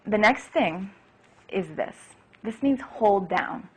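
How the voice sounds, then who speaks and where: A woman's voice: mid-range voice, expressive, slow pace, husky, poor audio. A woman piano teacher explaining beginner lessons for children in an enthusiastic, chatty way. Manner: enthusiastic, chatty, acts out child-friendly phrases. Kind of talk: instructional demonstration.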